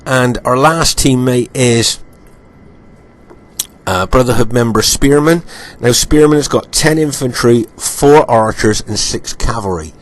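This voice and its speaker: A man recovering from illness, his voice a little croaky, commentates over footage of a strategy game replay from his home. He speaks in a mid-range voice, unhurried and full of ums and uhs, and frequently repeats himself before moving along.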